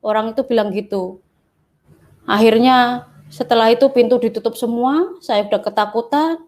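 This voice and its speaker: A woman's voice: fairly high pitch, normal speed, darkish tone. A woman telling her life story as an interview guest, in an earnest, repetitive way, often turning to address the interviewer. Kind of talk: personal testimony.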